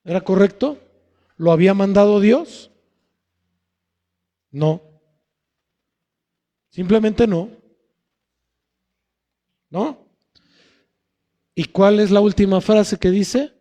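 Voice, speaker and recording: A male pastor gives a sermon at a slow, deliberate pace in a fairly high, mellow voice. He keeps posing rhetorical questions and answering them himself. His voice rings with the long reverb of a church hall. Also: lo-fi sound.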